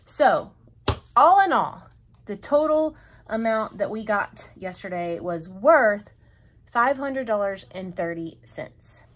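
A woman's voice: mid-range voice, lively intonation, slow, a little hiss or hum. A woman in a casual shopping haul vlog, chatting through her purchases and adding up prices and savings. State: out of breath. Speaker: vlogger.

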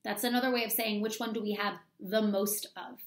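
A woman with a mid-range voice and fairly even intonation reads to children a little fast, like a teacher explaining things step by step and asking them questions. She's an elementary school teacher giving an instructional read-aloud in a small room at home.

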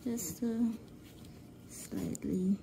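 In a casual voice-over, a woman from Guyana explains a nail art tutorial in a mixed Guyanese-Trinidadian accent. She's relaxed and hesitant, with many fillers, and often drops close to a whisper. Her medium-pitched voice is creaky, and there's slight background noise.

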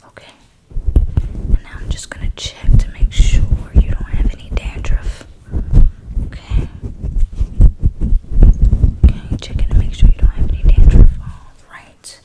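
A young woman doing a fast, hurried ASMR whispered role-play as an attentive barber, speaking softly and close to the mic. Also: rough recording. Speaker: ASMR creator playing a barber. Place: small dim bedroom, indoors. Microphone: close desktop condenser mic with fluffy windscreen.

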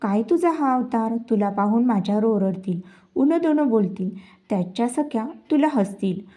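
A woman's voice: fairly high pitch, animated, normal speed, warm tone, lightly acted. A woman voicing an anxious, dutiful young palace maid in a storybook tale. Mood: fretful.

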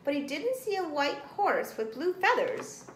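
A middle-aged woman reads a storybook aloud to children with lots of expression, her voice sitting high, very animated yet unhurried. The small room sounds roomy, with some background noise.

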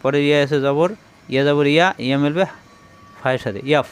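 Male Quran teacher, smooth, slightly high voice, patient syllable drills. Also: fairly even intonation, fast talker. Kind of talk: spelling out Arabic letters for learners.

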